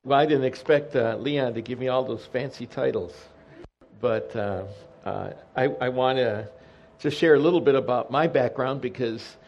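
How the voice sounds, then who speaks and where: A retired pastor in his sixties from Detroit, USA, whose first language is Spanish, gives an informal talk to his congregation. He's chatty and self-deprecating, with frequent ums and restarts. His medium-pitched voice runs at normal speed over a lo-fi recording with slight hiss or hum.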